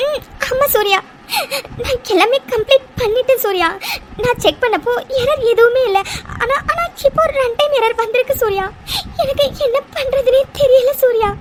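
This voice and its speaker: A voice actor doing a very high, tearful young woman coder. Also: lively intonation, fast, a bit bright, a little hiss or hum. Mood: distraught. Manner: crying, panicked. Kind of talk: cartoon serial voice acting.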